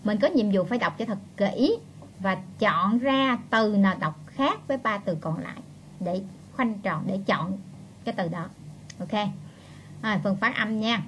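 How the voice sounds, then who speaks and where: A woman teacher, reviewing for an exam and repeating key phrases, reading English instructions slowly. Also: medium pitch, lively intonation, a bit bright, slight background noise, poor audio.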